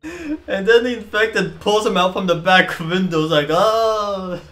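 A man casually retelling a movie plot in a rambling, animated way while streaming a game. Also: high-pitched, measured pace, faint music behind. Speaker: gaming streamer. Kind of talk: casual commentary while playing.

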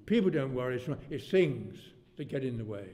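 A man's voice: mid-range voice, sing-song, a little fast, dark tone. A man in his eighties preaching a sermon in a rambling, folksy way, his volume rising suddenly to make a point. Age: 80s. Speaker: pastor. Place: church hall. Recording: long church reverb.

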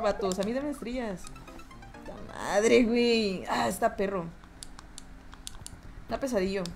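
A young woman with a Mexican accent, streaming a game and chatting with her viewers, rowdy, swearing and laughing often. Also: a little high. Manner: rowdy, swears and laughs a lot, reads chat aloud. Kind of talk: live gameplay stream chatting with chat.

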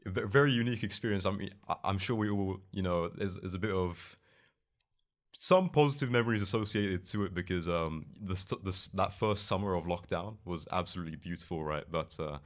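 A young man with a London accent and a low voice talks through his story as a podcast guest. He wanders, restarting words and leaning on fillers. He speaks into a boom mic in a small studio. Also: fairly quick, fairly bright tone. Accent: London English. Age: young adult. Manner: loose, rambling with many restarts and fillers. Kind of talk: casual interview. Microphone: boom mic on arm.

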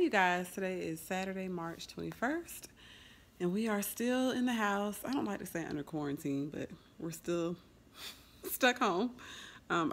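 A woman's voice: lowish voice, creaky, a little hiss or hum. A young woman chatting casually to her camera at home for a family vlog, upbeat and rambling with fillers. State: out of breath. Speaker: family vlogger. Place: at home indoors.

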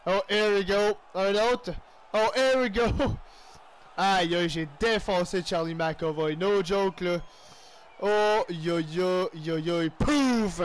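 Excitable high-voiced Quebec French man. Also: slow, clean tone. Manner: excitable, loud outbursts, sprinkles English exclamations. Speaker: gaming YouTuber. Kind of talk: playful play-by-play commentary of his own hockey video game.

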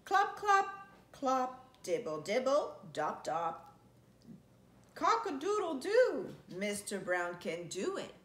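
This woman's high-pitched, fairly bright voice swoops wildly in pitch as she takes it slowly. In her thirties, she's on an indoor living room couch giving an animated picture-book read-aloud, stretching out words and making playful sound effects, recorded by a camera a few feet away with roomy, echoey sound and faint noise.

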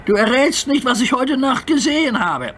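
A man's voice: very high voice, lively intonation, normal speed, crowd noise, voice pushed up. A man voicing a small, cheeky young male tank engine who teases and scares easily. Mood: excited. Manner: teasing, easily frightened.

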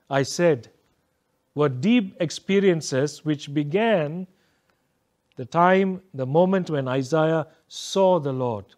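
Man, pastor, sermon, slow deliberate delivery, fairly high voice. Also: darkish tone. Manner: slow, measured preaching in short phrases. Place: church sanctuary.

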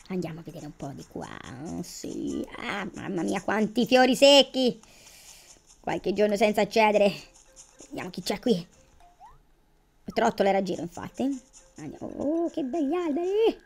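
A woman's voice: mid-range voice, vocal fry. A woman giving casual, chatty commentary on her gameplay, thinking aloud and exclaiming as she goes. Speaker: gamer.

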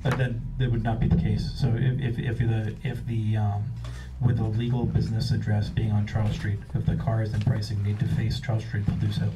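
A man's voice: fairly low pitch, completely flat delivery, fairly quick, few pauses. A man applying before a zoning board, answering questions hesitantly with repeated restarts. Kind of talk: public meeting testimony. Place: town meeting room. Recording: distant, dull, faintly noisy mic.

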